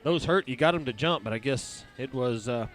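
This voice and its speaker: Man calling high school football play-by-play. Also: fairly bright tone. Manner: brisk play-calling with sponsor reads. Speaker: play-by-play announcer.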